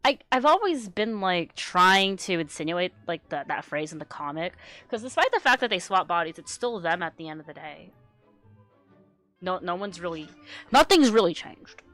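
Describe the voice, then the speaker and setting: A woman streamer talks to her chat in a low, casual voice, rambling and cursing freely. Her pitch swings widely, sometimes dropping to a mutter. Faint music plays behind her. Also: animated, normal speed, fairly bright tone. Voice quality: low natural voice. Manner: rambling and profane, trails off into mumbles.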